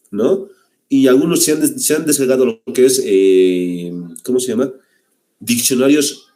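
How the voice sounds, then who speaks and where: A man's voice: mid-range voice, warm tone. A man teaching a language class to students, lecturing with frequent "very good" check-ins and direct address to the class. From Bolivia. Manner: repeats "muy bien" often, addresses students as "señores".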